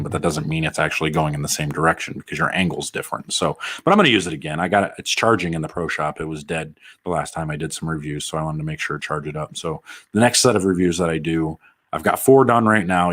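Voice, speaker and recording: A man with a deep, slightly husky voice hosts a casual live stream. He rambles, cracks jokes and reads viewer comments aloud as he goes. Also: a bit bright. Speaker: bowling channel host answering live chat.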